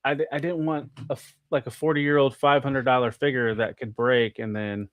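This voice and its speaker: A man's voice: mid-range voice, flat delivery, normal speed, no room sound, phone-quality sound. An American man, a guest on a podcast, chatting in a rambling way full of "like" and restarts. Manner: rambling, filler-heavy with many restarts. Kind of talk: casual chat.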